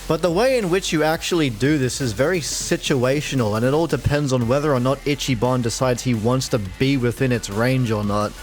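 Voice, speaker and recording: A young man narrating a casual scripted video game review in a slangy, profane, dryly joking way. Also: medium pitch. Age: young adult. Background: faint music.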